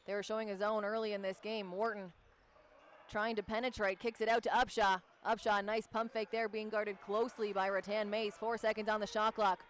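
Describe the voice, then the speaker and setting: A man with a high, fairly flat voice calls basketball play-by-play from a gym broadcast booth. He rattles off passes, names and the shot clock in a brisk, steady delivery. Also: a little hiss or hum. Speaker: play-by-play commentator.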